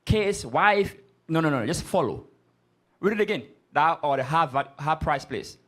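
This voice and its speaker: A man's voice: on the high side, animated, moderate pace, a bit bright. A man leading a scripture class, speaking emphatically and often stopping to prompt the reader. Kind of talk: street-corner style Bible class teaching.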